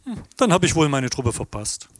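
An actor playing a bitter retired man who talks in a gruff, blunt way. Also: fairly high pitch, sing-song, normal speed. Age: older. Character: grumbling retired man, bitter about the state.

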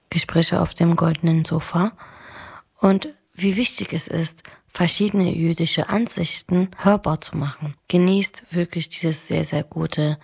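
A woman's voice: on the low side, vocal fry, slightly rough. A woman presenter introducing an interview in a whispery voice.

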